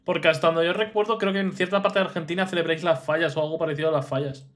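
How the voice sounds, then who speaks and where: A man's voice: fairly high pitch, steady tone, rapid-fire. A man from Spain with a Spanish accent giving casual reaction commentary in blunt, incredulous, slangy remarks. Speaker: reaction streamer.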